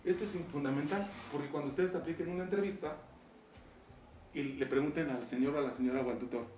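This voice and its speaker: A man's voice: fairly high pitch, steady tone, fast, a little mellow. A man giving a university lecture, often asking his students whether they follow him. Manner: checks understanding with frequent rhetorical questions. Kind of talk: classroom lecture. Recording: roomy, distant mic, faint background noise.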